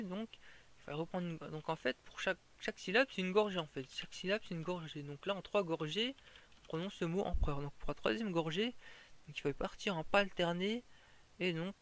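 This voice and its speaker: A man with a slightly higher voice than usual talks through a fire-breathing tutorial. He explains it step by step, casual and informal, often stopping and restarting a sentence. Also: moderate pace, fairly bright tone.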